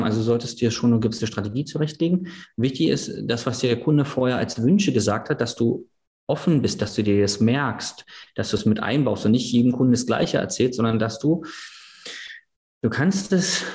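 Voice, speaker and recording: A middle-aged man in a relaxed podcast chat, coaching personal trainers on how to sell. He talks at an ordinary pitch, building his points from everyday comparisons and slipping into clients' voices when he quotes them. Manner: explains with everyday examples, quotes clients in direct speech. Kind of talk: casual podcast conversation.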